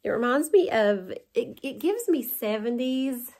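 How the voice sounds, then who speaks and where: Filmed at close range in her living room, a West Virginian woman in her forties with a Southern accent shows off items she bought, gushing and laughing a lot. Her highish voice is animated and a little mellow, at a measured pace.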